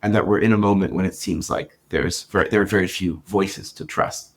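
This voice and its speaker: Co-host poet, deep and husky, earnest and measured. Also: male voice, steady tone. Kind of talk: poetry reading then casual talk.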